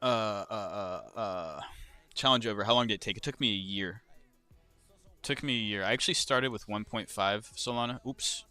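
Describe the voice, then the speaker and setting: A young man streaming live with a lowish, forceful voice that sounds smooth and crisp. He talks in a loose, casual way, swearing often and answering viewers' chat questions. The sound is dry, with no room echo. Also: normal speed, faint music behind. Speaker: livestreamer and crypto trader.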